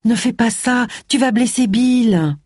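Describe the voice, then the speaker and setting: A woman's voice: a little high, measured pace, darkish tone, breathy edge, dry recording, studio quality, voice pushed up. A woman voicing a cautious, worried young woman in an audiobook. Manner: worried, pleading.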